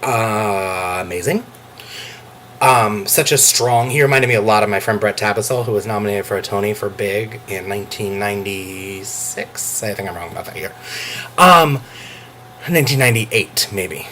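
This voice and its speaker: A man talking in an excited casual vlog, gushing and emotional, close to tears, with sudden jumps into a high voice. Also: moderate pace, a little hiss or hum. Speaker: vlogger reviewing a show.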